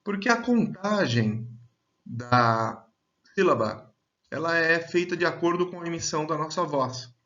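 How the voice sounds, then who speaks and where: Slow, deliberate male teacher, lo-fi. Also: on the high side, animated, sharp tone. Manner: slow and deliberate, stretching out example words. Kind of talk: slow, clear grammar lesson. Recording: dull, lo-fi sound.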